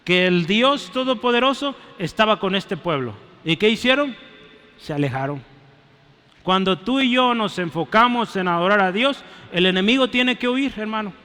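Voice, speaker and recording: Fervent bright-voiced preacher. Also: male voice, sits high, animated, normal speed. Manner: fervent, rising to loud exclamations, keeps checking in with the congregation. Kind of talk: sermon. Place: church sanctuary. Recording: echoey church hall.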